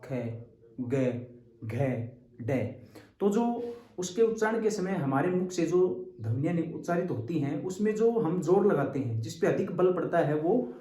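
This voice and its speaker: A man with a fairly high but mellow voice gives a patient exam-prep lecture, repeating key terms and checking in with his students. He sounds a little far from the mic, in an echoey room. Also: animated, moderate pace. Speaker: Hindi teacher. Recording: roomy, distant from the mic.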